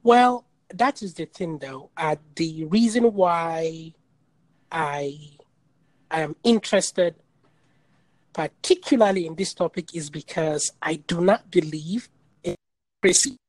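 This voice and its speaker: A man's voice: a little high, expressive, a little slow, no echo. A man from Nigeria hosting a casual call-in discussion, stating his views bluntly and repeating his points. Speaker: podcast host. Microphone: phone or video call.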